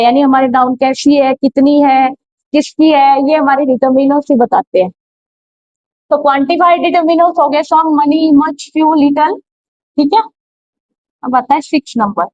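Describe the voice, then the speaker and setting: A woman's voice: high-pitched, a little mellow, no room sound. A woman teaching grammar in a classroom lecture, explaining step by step and posing rhetorical questions. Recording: dull, slightly lo-fi, dry sound.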